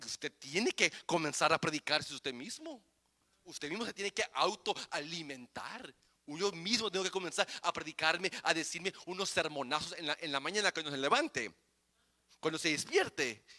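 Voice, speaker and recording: A man preaching a sermon as pastor, fervent and emphatic, repeating words in bursts and swinging between loud declarations and quiet asides. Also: on the high side, animated, moderate pace.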